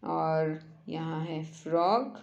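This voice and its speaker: A woman teacher, explaining a workbook lesson in Hindi and reading English lines slowly, word by word. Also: low voice, vocal fry, a little mellow, reverberant, muffled recording.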